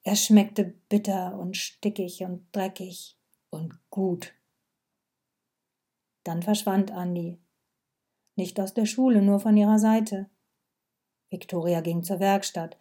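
A woman reads a story aloud in a calm, measured way, sometimes dropping to a hush. Her voice is very dark and mellow, sitting at an ordinary middle pitch. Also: slightly rough. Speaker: narrator. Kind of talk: scripted narration.

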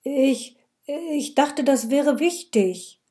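A woman's voice: high voice, moderate pace, dark tone, natural voice. A woman reading an audiobook voices a shy, nervous female carer who speaks hesitantly and sinks to a whisper. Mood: timid.

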